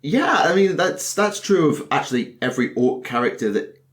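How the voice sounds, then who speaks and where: A man's voice: on the high side, sing-song, normal speed, a bit bright. A man chatting casually on a podcast panel, rambling and self-deprecating, swearing now and then. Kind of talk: casual chat.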